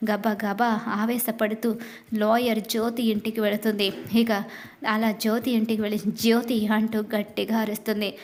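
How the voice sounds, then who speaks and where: A woman's voice: mid-range voice, darkish tone. A woman narrating a recap of a TV serial episode, retelling scenes in long run-on sentences and reading the characters' dialogue in her own voice.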